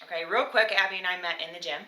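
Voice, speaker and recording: A woman hosting a casual chat podcast, with a bright, forceful voice and a slightly low pitch. She talks in a chatty, gushing way with quick asides, and the room sounds echoey. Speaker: podcast host.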